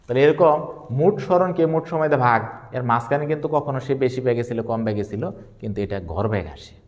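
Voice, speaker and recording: A man, lecturing on physics, who asks questions and answers them himself and repeats key terms slowly. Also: mid-range voice, darkish tone, long reverb tail. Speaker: physics teacher. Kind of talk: classroom lecture.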